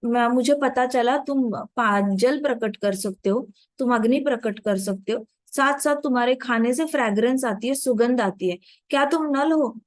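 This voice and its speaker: A woman's voice: fairly high pitch, normal speed, dry recording, natural voice. A woman voicing a devoted young queen who speaks urgently and pleadingly, in a storybook retelling.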